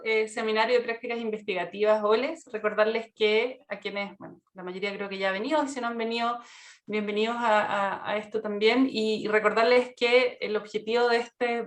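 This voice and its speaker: A woman's voice: fairly high pitch, roomy sound. A woman moderates a seminar and introduces the guest speaker over a video call, in a conversational way with many fillers and restarts.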